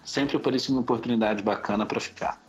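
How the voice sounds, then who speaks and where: Talking quickly in a steady, medium-pitched voice, a middle-aged Brazilian podcast guest casually recalls his own experiences in Brazilian Portuguese. Faint music plays behind him, and the recording is slightly dull and lo-fi.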